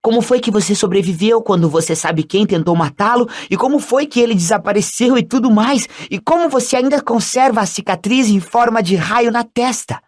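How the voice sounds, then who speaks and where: A man voicing an eager, excitable young schoolboy fan in an audiobook, gushing out question after question. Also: sits high, pitched above the performer's own voice. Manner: breathless, gushing, rapid questions. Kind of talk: audiobook character voice.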